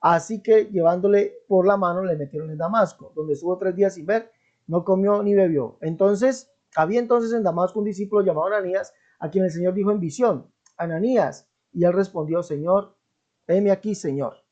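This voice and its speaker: A man delivers an online Bible teaching commentary with emphasis, repeating key phrases and checking in with his listeners often. His voice is high, brisk and somewhat dark, captured on a dull, lo-fi recording.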